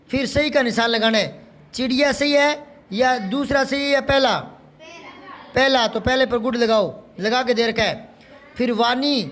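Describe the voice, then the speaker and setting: High-pitched male Hindi teacher. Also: fairly bright tone. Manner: patient, repeats corrections, asks students questions. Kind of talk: classroom lesson explaining a workbook.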